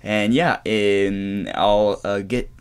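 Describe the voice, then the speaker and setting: His voice is on the low side, smooth and fairly even, with drawn-out words. He's a twenty-something native French speaker from Quebec, Québécois accent and all, riffing casually on his solo English podcast in his shared-apartment bedroom, with restarts and swearing.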